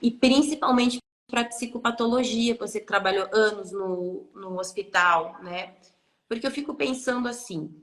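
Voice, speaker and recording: A woman's voice: mid-range voice, fairly bright tone, roomy sound. A woman hosting a live online interview, asking reflective questions and thinking aloud about the topic. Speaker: host. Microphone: video call.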